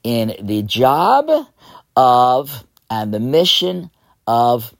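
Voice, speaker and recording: A hoarse man hosting an inspirational religious radio show, speaking earnestly and repeating phrases for emphasis. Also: medium pitch, very animated, extremely slow, dry recording, studio quality.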